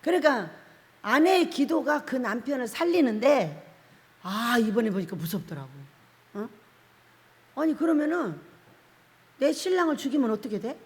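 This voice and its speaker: A woman's voice: a little high, very animated, moderate pace, long pauses. Laughing woman pastor in a reverberant hall. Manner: chatty storytelling sermon with frequent laughter and acted quotes. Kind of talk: sermon. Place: prayer-house church sanctuary.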